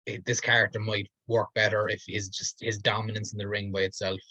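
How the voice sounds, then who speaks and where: Low-voiced man rambling casually. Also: little pitch movement, a little fast, pushed and bright, no room sound. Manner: rambling, hedging with lots of fillers. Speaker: podcast co-host. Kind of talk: casual chat. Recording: dull lo-fi dry sound.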